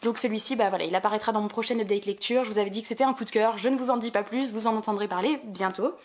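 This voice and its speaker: A woman's voice: medium pitch, rapid-fire. A woman with a French accent chatting casually on her book vlog, full of fillers and restarts. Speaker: book vlogger. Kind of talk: casual book haul chat.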